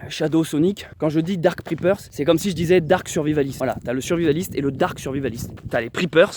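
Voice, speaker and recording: A man's voice: fairly high pitch, fast, a little mellow, a little hiss or hum. A young man vlogging outdoors beside his bunker and orchard, talking straight to his viewers with many restarts and filler words. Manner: rambling, restarts, addresses viewers directly. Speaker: survivalist vlogger. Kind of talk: casual vlog to camera. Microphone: handheld camera.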